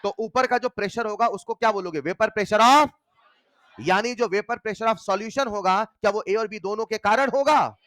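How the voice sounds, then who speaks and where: Lively male chemistry teacher, dry sound. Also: high-pitched, no room sound, a faint crowd. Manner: animated, quizzing students with rapid questions. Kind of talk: classroom lecture.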